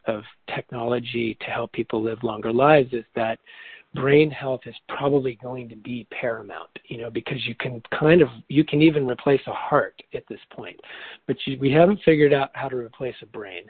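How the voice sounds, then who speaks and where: Brief: forty-nine-year-old man, husky, reflective and halting, dry phone-line sound. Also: mid-range voice, no room sound. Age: 40s. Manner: reflective, halting, many restarts and fillers. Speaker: yoga teacher and Ayurvedic doctor. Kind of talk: interview answers.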